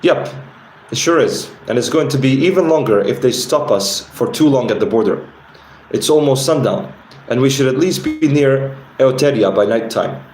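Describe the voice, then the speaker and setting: A man's voice: medium pitch, moderate pace, darkish tone, reverberant, a little hiss or hum, close to an everyday voice, rough recording. A man reading aloud from his own novel and voicing a laid-back, joking carriage rider in close to his own voice. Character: easygoing male carriage rider and guide.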